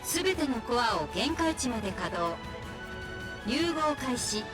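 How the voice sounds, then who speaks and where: A woman voicing the erroring system of an android's core, reading status messages in a flat, glitching robotic voice. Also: a little high, a little slow, over music. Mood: malfunctioning. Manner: flat announcer-like status readout. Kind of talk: game voice acting.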